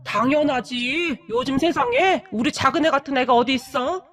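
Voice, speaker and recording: A woman voicing an older father-in-law who talks calmly and offhandedly. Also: high voice, normal speed. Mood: offhand. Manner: offhand, unbothered. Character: older father-in-law, calm and matter-of-fact.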